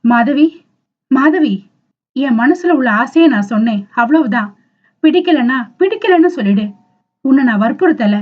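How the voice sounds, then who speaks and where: A woman's voice: sits high, expressive, moderate pace, long pauses, phone-quality sound. A woman reading the lines of a young man in love who pleads earnestly and tearfully. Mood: pleading.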